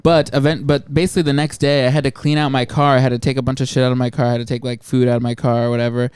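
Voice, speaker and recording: A man chatting casually on a podcast, a halting, hesitant storyteller. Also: medium pitch, little pitch movement, darkish tone, smooth, dry recording. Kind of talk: casual chat.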